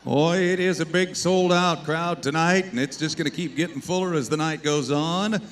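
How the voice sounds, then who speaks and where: A man's voice: a little high, normal speed. A man announcing a rodeo, giving live commentary to the arena over a PA. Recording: arena PA with faint background noise.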